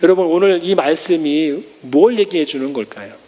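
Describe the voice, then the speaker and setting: A man's voice: fairly high pitch, moderate pace, big-room sound, faint music behind. A male pastor giving a Sunday sermon, telling the story animatedly with rhetorical questions. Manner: animated storytelling with acted quotes. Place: church sanctuary.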